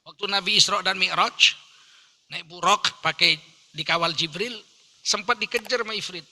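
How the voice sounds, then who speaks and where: A man's voice: high-pitched, moderate pace. A man preaching a sermon, telling stories humor and acting out the voices in them. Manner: animated storytelling, jokes, acts out quoted voices.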